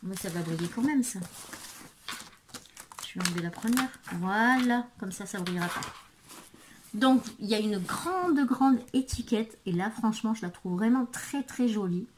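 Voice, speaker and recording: A woman presenting craft supplies in a casual video, hesitant and full of fillers, murmuring softly while she handles things. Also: medium pitch, moderate pace, slight background noise. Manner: hesitant, many fillers and restarts. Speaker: craft vlogger. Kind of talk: casual product show-and-tell.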